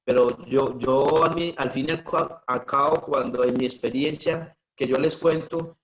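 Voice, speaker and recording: A man's voice: medium pitch, fairly even intonation, a little slow, slight background noise, poor audio. A middle-aged man, a spiritual teacher telling personal stories in a conversational way, often checking in with a questioning "sí". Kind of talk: personal storytelling talk.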